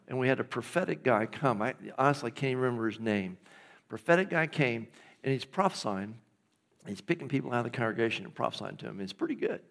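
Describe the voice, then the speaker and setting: In a church sanctuary, a middle-aged male pastor with a gravelly, medium-pitched voice preaches a conversational sermon, checking in with the congregation as he goes.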